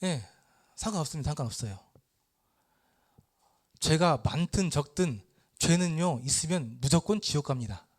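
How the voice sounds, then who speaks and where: Man, church Bible lecturer, slightly high voice, lively storytelling, rhetorical questions. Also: moderate pace, long pauses. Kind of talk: Bible lecture retelling a parable.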